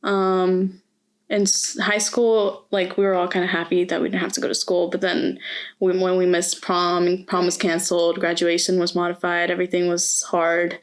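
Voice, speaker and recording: Young woman answering interview questions, pretty monotone, lots of pauses and ums. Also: on the low side. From Mexico. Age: young adult. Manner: earnest and reflective, with frequent hesitations. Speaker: student interviewee. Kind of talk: oral history interview. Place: university campus.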